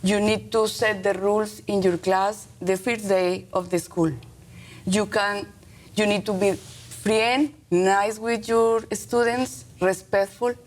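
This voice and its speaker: Middle-aged woman, Colombian Spanish accent, non-native English, halting and earnest, emphatic short phrases, interview answers, ordinary pitch, faint background noise. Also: steady tone. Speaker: teacher being interviewed.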